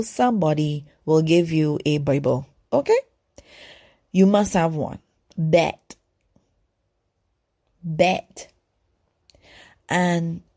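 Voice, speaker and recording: Low gravelly Barbadian woman talking candidly. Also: mellow, no echo. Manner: reflective, candid, repeats words while thinking. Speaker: podcast host. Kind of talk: unscripted spiritual podcast monologue.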